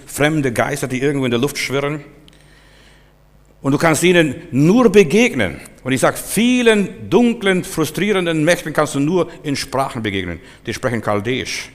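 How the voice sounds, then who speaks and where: An older man preaching a charismatic sermon, dropping to quiet, low asides and then rising to loud, forceful commands. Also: long reverb tail.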